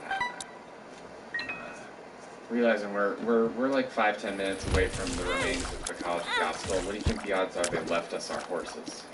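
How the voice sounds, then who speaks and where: A man's voice: sits low, steady tone, lightly acted. A man voicing a hesitant adventuring woman in a radio-play-style tabletop game. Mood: pondering. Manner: hesitant, halting speech. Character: wary adventuring woman companion. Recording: echoey room, distant mic, background noise.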